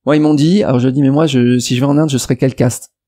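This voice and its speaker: A man's voice: medium pitch, steady tone, fast, warm tone. A man from France giving a rambling, digressive video reply to a viewer's comment, with many restarts and fillers and arguing straight at the viewer. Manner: addresses the viewer directly and argues a point. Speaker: investment YouTuber.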